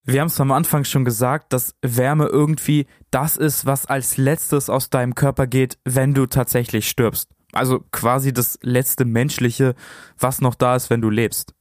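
A man's voice: mid-range voice, level tone, unhurried, dry recording, studio quality. A man telling stories as a podcast co-host, in a conversational narrating style.

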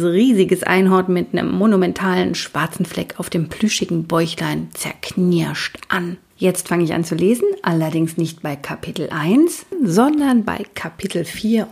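A woman reading a children's book aloud in a soft, half-whispered storytelling voice. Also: on the low side, gravelly, husky.

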